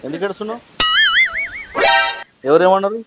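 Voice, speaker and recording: A man's voice: high voice, steady tone, loud music behind the voice. An actor playing an eager young village brother-in-law who consoles his sister-in-law. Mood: consoling. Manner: rapid, comforting.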